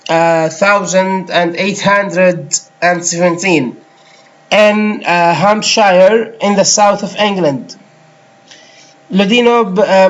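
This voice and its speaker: High-voiced man teaching English. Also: fairly bright tone, highs cut off. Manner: explains in Arabic and English, pausing with many fillers. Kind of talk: screen-recorded English lesson.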